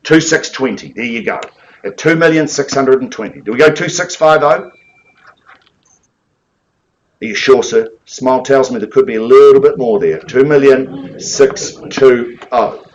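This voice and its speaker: A man's voice: mid-range voice, a little fast, lo-fi sound, a little hiss or hum. A man working as an auctioneer at a live property auction, repeating bid figures and coaxing bidders along.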